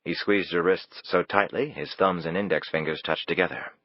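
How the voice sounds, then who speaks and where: A man reading an audiobook in measured, even scripted narration. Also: low-pitched, dry recording. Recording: dull, dry, lo-fi.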